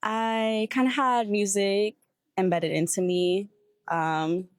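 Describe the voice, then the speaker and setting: A woman's voice: medium pitch, fairly even intonation, slow, no echo, studio quality. A woman from Massachusetts, a vocalist and producer, answering interview questions in an enthusiastic, emphatic way.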